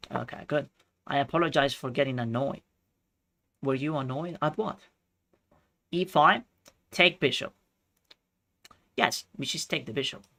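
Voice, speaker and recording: Chilean guy streaming chess, talks thru every move to chat, bright tense voice. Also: medium pitch, gravelly. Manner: thinks aloud, calculating moves and chatting with viewers. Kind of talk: live-stream commentary.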